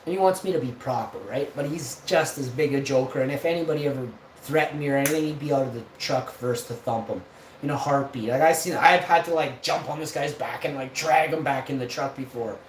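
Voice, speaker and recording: A man's voice: medium pitch, a little fast. A man in his forties telling a rambling, profane story in a casual vlog. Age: 40s. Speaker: vlogger host. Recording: roomy, distant mic, faint noise.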